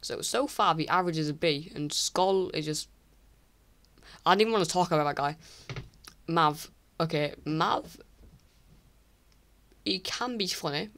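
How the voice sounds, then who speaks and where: Pausing often and speaking at a measured pace, a teenage English YouTuber casually ranks online creators over a screen recording. His voice is high and a bit bright, though croaky from the late hour, and he wanders, apologizes, and restarts frequently.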